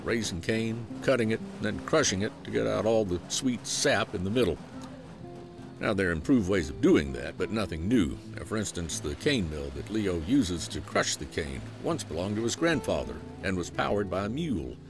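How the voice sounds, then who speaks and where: A man with a Southern US accent tells the story in scripted documentary narration, his lowish voice rising and falling with plenty of life. He keeps a folksy, unhurried pace, and music plays clearly under his voice. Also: big pitch swings. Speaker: program host and narrator.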